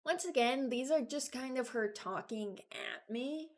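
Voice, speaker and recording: Thinking out loud and a bit hesitant, a woman makes a video ranking game voice lines, with unscripted, casual commentary. Her voice sits high and her pace is a little slow.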